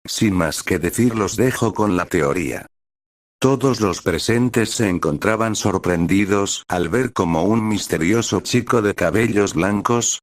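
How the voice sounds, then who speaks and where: Guy reading fanfic out loud, kinda low voice, steady, dead dry mic. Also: no room sound. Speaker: fan fiction narrator. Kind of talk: reading fan fiction aloud.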